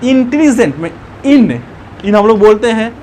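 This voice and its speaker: Animated high-voiced male teacher. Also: a little hiss or hum. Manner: explains step by step, repeats words slowly and syllable by syllable. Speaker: English teacher. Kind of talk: classroom grammar lesson.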